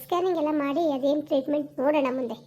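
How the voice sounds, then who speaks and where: A woman's voice: sits high, racing, warm tone, close to an everyday voice. A woman playing a firm female village clinic doctor in an amateur skit, urging and repeating her instructions. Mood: insistent. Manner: urgent, insistent, repeats instructions.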